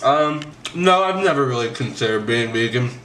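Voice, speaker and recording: A man's voice: medium pitch, lively intonation, normal speed. A young man, the host's younger brother, tasting baked goods and joking in a laid-back way. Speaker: guest taste tester. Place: home kitchen. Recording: echoey kitchen, loud background noise.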